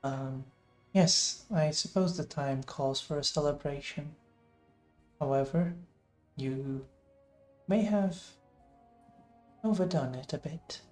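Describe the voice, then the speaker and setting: A man's voice: on the high side, darkish tone, reverberant, faint music behind. Man with choppy, cut-off word endings. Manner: halting, with frequent ums. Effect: mic noise gate chopping off word endings. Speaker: game master. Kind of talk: narrating a tabletop game. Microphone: home mic on a voice call.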